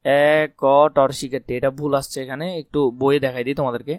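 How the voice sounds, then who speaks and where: A hoarse man teaching an exam-prep grammar lesson, quizzing and repeating key points. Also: medium pitch, flat delivery, no room sound, clean studio sound. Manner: repeats key points as quick questions and answers.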